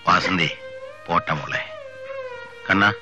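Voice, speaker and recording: An actor playing an older father who calmly soothes and settles his family. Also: deep voice, takes it slowly, lo-fi sound, music in the background. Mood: calming. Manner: gentle, placating. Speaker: father of the household.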